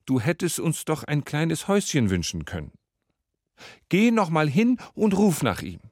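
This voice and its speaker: A shrill, nagging fisherman's wife, as a man puts her on whines and scolds from a storybook reading. Her voice climbs high and swings widely as she presses her demands. The sound is dry and close. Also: very animated, normal speed, a little mellow, no room sound.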